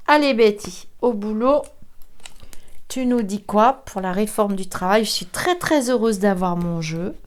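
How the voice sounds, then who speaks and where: A woman's voice: medium pitch, animated, a little slow. A woman, older, giving a chatty psychic card reading, laughing often and sometimes dropping to a whisper. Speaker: psychic reader. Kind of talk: casual tarot reading chat.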